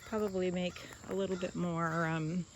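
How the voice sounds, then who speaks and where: A woman's voice: on the low side, little pitch movement, normal speed. A woman chatting casually and unscripted as she walks around a garden, musing and trailing off as she shows what is there. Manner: musing, rambling, trailing off mid-thought. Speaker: gardening vlogger giving a garden tour. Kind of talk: casual chat, unscripted garden walk-through. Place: outdoors in a garden, walking about. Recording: outdoor ambience with insect noise. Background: faint crickets and insects.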